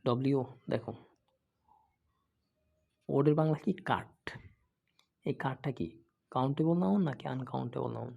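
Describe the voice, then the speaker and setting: Heard in phone-quality sound, a man with a creaky mid-range voice speaks at normal speed and pauses often while teaching English grammar. He is patient, repeats examples, answers his own questions, and regularly checks "okay?"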